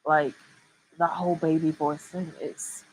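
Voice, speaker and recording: A woman's voice: sits low, flat delivery, measured pace, a little hiss or hum, rough recording. A woman giving casual reaction commentary, full of sarcastic, mocking asides.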